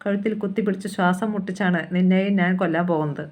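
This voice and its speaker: The narrator voices the vengeful ghost of a murdered young woman, speaking slowly and low with menace. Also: steady tone, darkish tone, natural voice. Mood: menacing. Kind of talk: storybook reading.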